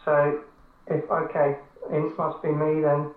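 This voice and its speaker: Halting man on a crackly phone line. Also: a little high, completely flat delivery. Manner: hesitant, halting, apologetic. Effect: crackly phone line, calling in on a mobile. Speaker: webinar moderator. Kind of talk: casual call chat. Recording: tinny echoey phone line.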